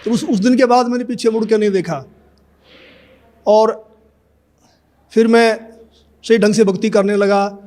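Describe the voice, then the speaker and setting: A man's voice: high-pitched, fairly even intonation, measured pace, long pauses, a little mellow. A man in his fifties giving an earnest personal testimony in an interview, telling his story and acting out remembered conversations. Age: 50s.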